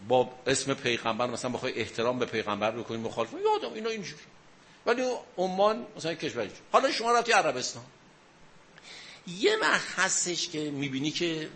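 A man gives a religious talk to a gathered audience. He tells stories and keeps asking his listeners questions. A faint noise sits behind his voice. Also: medium pitch. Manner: storytelling, animated, asks the audience questions. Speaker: religious speaker.

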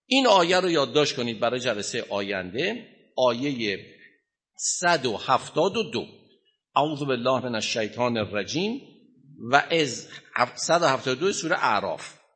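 A male religious teacher lecturing a class with emphasis, pausing to quiz listeners and tell them what to write down. His voice is bright and forceful, and he breaks into chanted scripture in Arabic. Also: mid-range voice, sing-song. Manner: emphatic, quizzes listeners and dictates notes.

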